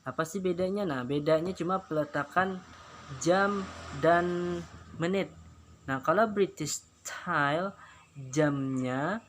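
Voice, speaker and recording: A male teacher with an Indonesian accent giving an online English lesson, slowly repeating each phrase and translating it. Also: fairly high pitch, a bit bright, slight background noise. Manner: slow, repetitive, explains each phrase then translates it. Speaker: Islamic school English teacher.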